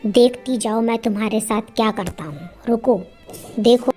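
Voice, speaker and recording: A woman's voice: on the high side, moderate pace, mellow, faint music behind, close to an everyday voice. A woman voicing a cruel, greedy young husband who speaks in a harsh, menacing way while telling a story. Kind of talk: storytelling with acted dialogue.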